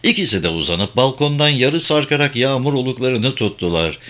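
A man narrating an audiobook in a steady, dramatic way. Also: medium pitch, a little fast. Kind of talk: scripted narration.

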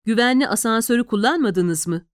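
A woman's voice: on the high side, lively intonation, a little fast, no echo, clean studio sound, close to an everyday voice. A woman reading an audiobook, voicing a tough female police lieutenant who gives curt, clipped orders. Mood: commanding.

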